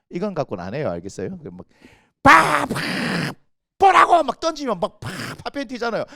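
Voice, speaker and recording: Fast-talking, high-voiced pastor. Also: male voice, gravelly, dry recording, studio quality. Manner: animated storytelling, acts out quoted voices and shouts. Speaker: senior pastor. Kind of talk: lively sermon. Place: church sanctuary.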